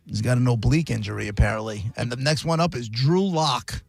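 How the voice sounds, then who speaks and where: A man hosting a call-in radio show, brisk and teasing as he handles callers. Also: medium pitch, gravelly, no echo. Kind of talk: casual call-in radio banter.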